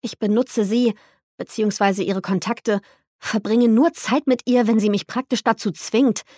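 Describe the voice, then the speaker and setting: A woman narrating a novel in the first person, with steady, reflective storytelling. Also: on the high side, moderate pace, dry recording, clean studio sound. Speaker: audiobook narrator.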